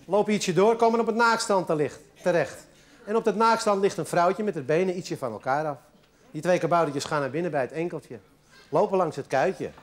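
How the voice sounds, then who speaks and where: High-voiced man telling a joke. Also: fairly quick. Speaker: joke teller.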